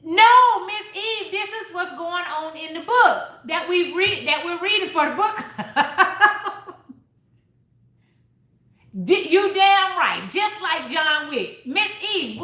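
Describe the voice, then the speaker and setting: A high-pitched woman with a bright, sharp voice that swings widely as she talks. She recaps a book for her club in a loose, casual way, swearing freely and laughing. The sound bounces around an echoey room. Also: normal speed, few pauses. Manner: profane, animated and laughing.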